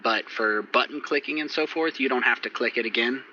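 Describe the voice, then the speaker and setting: A man recapping last session as game master, relaxed and rambling with fillers, over muffled voice chat audio. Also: mid-range voice, fairly quick, a little hiss or hum. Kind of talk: recapping and running a tabletop game.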